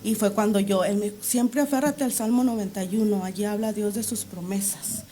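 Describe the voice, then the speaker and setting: A woman's voice: mid-range voice, fairly even intonation, brisk, dark tone, a little hiss or hum. A middle-aged woman sharing a religious testimony as an interview guest, fervently reenacting her prayers aloud.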